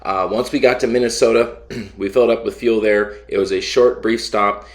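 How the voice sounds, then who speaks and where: A man narrating his own flight video as the pilot, casual and unscripted, in a halting, plain-spoken way. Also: on the low side, fairly even intonation.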